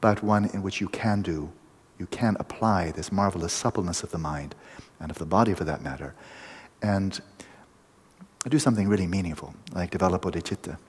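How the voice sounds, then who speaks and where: A man giving a meditation talk to a group, explaining in vivid images with pauses and restarts. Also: sits low, husky, big-room sound. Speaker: meditation teacher. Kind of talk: dharma talk to a retreat group.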